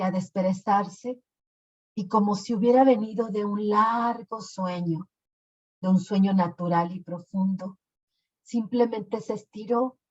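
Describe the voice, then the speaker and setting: Woman storyteller, unhurried and expressive, dull lo-fi sound. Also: medium pitch. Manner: slow, expressive. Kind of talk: storytelling narration. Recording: lo-fi recording.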